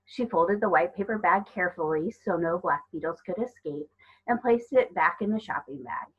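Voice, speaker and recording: A storybook reader, a woman, narrates a children's novel at normal speed in a lowish, slightly husky voice. She takes a storyteller's approach. The recording sounds a bit dull.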